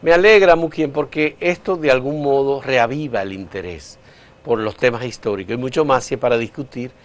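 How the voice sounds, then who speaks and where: A man's voice: medium pitch, fairly quick. A man with a Dominican Caribbean Spanish accent, hosting a conversational interview. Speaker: interview host.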